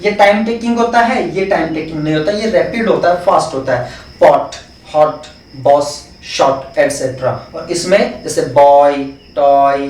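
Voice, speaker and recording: A man's voice: on the high side, moderate pace, a little mellow. A man teaching an exam-prep phonetics lesson with an Indian English accent, explaining step by step and answering his own questions. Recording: echoey room, mic far off.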